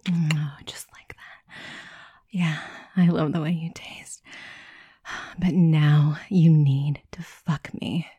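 Young woman, soft breathy whisper, slow drawn-out murmuring, mellow tone. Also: low-pitched, little pitch movement, no room sound.

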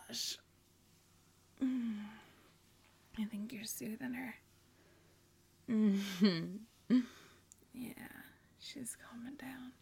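A young woman in an intimate, whispered roleplay, speaking softly with gentle hums between lines. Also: on the high side, creaky, breathy edge. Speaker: roleplaying a pregnant wife.

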